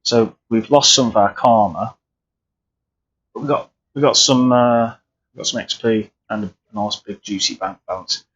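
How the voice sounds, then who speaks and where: A man's voice: lowish voice, steady tone, moderate pace, a bit bright, breathy edge, highs cut off. A man chatting casually and rambling through live flight sim commentary, often restarting his sentences. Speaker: streamer.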